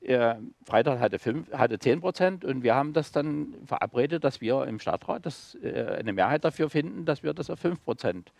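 Gravelly man in plain conversation. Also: medium pitch, animated, normal speed, hardly any pauses, a little mellow, no room sound. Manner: hesitant, many fillers and restarts, explanatory. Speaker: local councillor guest. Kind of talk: casual talk-show conversation.

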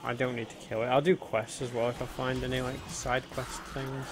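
Male gaming host, gravelly voice, loose chatty commentary over noticeable background hiss. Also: mid-range voice, level tone, brisk. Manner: chatty, talks to viewers while playing, frequent ums. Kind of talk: casual let's-play commentary.

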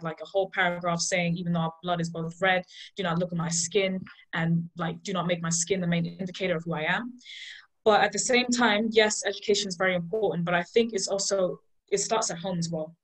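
A young woman from Liberia and Ghana, arguing passionately in an online student debate with a fast flow of points and fillers. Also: fairly low pitch, fairly even intonation, rough recording. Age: young adult. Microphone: video call.

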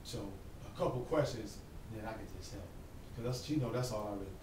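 A man's voice: lowish voice, fast. A man in his thirties earnestly asks an older man questions, calling him brother. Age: 30s. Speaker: interviewer from a networking group. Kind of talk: casual interview questions. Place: dim, empty house, indoors. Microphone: camcorder held at a distance. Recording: echoey room, distant mic, hum.

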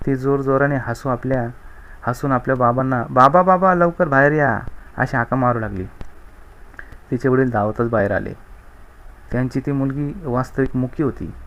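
A man reading a children's textbook story aloud in a clear, measured storytelling manner. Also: medium pitch, lo-fi sound.

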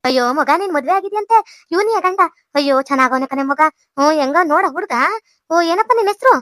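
A woman plays a chattering old grandmother from a village in a cartoon, fussing and gushing with a North Karnataka Kannada accent. The voice is very high and bright, rattling along fast, and the recording is dry and close. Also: lively intonation, no echo. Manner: fussy, gushing, lots of sighs. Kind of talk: cartoon voice acting.

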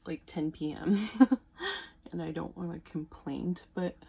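Low gravelly-voiced woman vlogger. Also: measured pace. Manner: talks quietly, rambling with frequent laughter. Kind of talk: casual late-night vlog.

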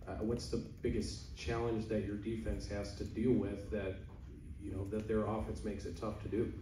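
A man's voice: fairly low pitch, level tone, normal speed, warm tone. A man, a reporter, asking a question at a press conference and correcting himself along the way. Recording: roomy, distant, faint noise.

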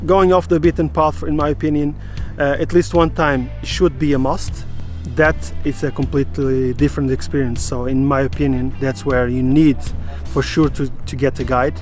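A man's voice: mid-range voice, level tone, a little mellow. Earnest mountain guide, man. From Madeira, Portugal. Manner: earnest, pauses and restarts while explaining, non-native phrasing. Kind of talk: casual outdoor explanation. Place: outdoors on a mountain trail. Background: guitar music.

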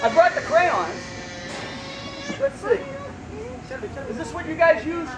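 A man's voice: very high voice, very animated, slow pace, over loud music. A middle-aged man working as a kids party magician, projecting playful, teasing patter and questions to an audience of children. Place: outdoor backyard lawn at a party. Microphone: camera a few metres away. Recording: very noisy outdoor recording with crowd. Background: children and outdoor crowd noise.

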